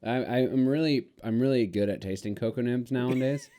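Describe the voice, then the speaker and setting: A man co-hosting a casual podcast, playful and quick to laugh while tasting beer. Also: mid-range voice, mellow, a little hiss or hum. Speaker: podcast co-host.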